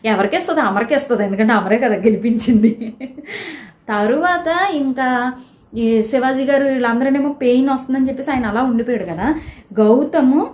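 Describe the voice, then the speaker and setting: A woman giving a casual, animated recap of a reality show episode, telling who quarreled with whom. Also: a little high, fairly quick. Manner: chatty, animated retelling of quarrels. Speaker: show reviewer. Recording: echoey room.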